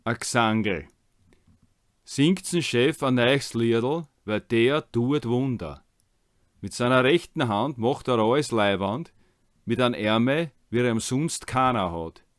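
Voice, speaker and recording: A man's voice: mid-range voice, animated, a little slow, no echo, studio quality. A man with a Viennese accent reciting a psalm as a reading in dialect.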